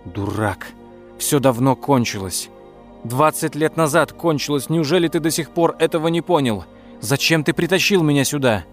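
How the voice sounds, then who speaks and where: Man voicing a frantic, shrill countess. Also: steady tone, moderate pace, faint music behind, lightly acted. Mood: scornful. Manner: frantic, accusing outbursts. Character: distraught noblewoman, countess, anxious and shrill.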